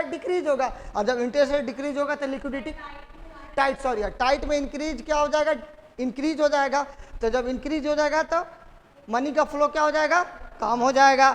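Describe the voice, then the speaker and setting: A male teacher lectures a classroom in a very high, fairly bright voice, speaking fairly quickly with fairly even intonation. He drills his students with repeated questions and has them echo the key terms. The room has a long reverb.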